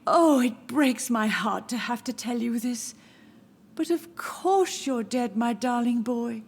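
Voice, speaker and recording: A woman's voice: fairly high pitch, slow. A frail old mother lost in grief. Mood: tender, confused. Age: older. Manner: wandering, dreamy, tender. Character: frail confused elderly mother, grandmother. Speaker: game character. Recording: game audio with soft music.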